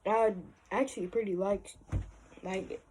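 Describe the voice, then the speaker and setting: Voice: medium pitch, steady tone, unhurried, a little mellow, a little hiss or hum. Someone giving a casual, informal show-and-tell review as a hobbyist presenter, speaking hesitantly with trailing asides. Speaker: hobbyist presenter showing a collection.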